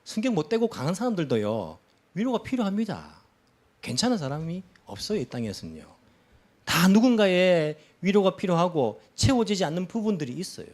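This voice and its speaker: A middle-aged male pastor preaching in church, his voice sitting a little high and swinging up and down with lively expression. He keeps asking the congregation questions and slips into quick acted-out lines of what people say. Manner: conversational preaching with rhetorical questions and acted-out quotes. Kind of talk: sermon.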